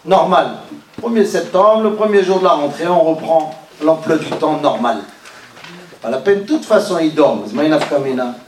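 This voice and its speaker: A rabbi teaches a religious class at a normal speed, animated as he questions and teases his listeners and swings from loud calls to low murmurs. His voice comes from far off in an echoey room, with a little hiss or hum.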